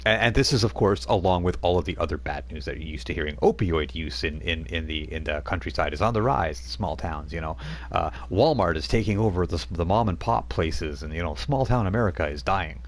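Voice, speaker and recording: Narrating as the game master of a live-streamed tabletop RPG, this man rambles and keeps restarting his sentences. He has a deep, animated voice and talks briskly with few pauses.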